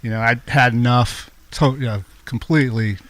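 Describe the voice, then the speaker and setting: A modest man who plays guitar in a band, answering casually in an interview. His voice sits in a middle pitch and sounds dry and close, with no room echo. He talks about himself in a self-deprecating way and laughs softly. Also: steady tone, moderate pace.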